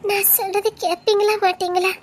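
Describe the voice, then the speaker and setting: A woman's voice: very high voice, level tone, fairly quick. A young woman acting an anxious lover who pleads tearfully with her partner in a romantic drama.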